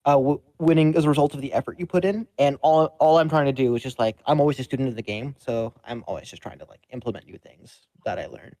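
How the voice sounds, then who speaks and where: Mellow man in his thirties, customer service voice. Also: medium pitch, quick pace, few pauses, no room sound, poor audio. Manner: speaks in a practiced customer service voice as his normal register. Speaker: competitive game player being interviewed after winning a tournament. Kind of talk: casual interview chat.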